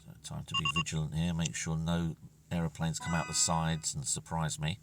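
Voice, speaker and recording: Speaking in a bass voice with a completely flat delivery and moderate pace, a gamer narrates his own play. He mutters to himself, often trailing off almost to a whisper. The mic is distant and music plays behind him.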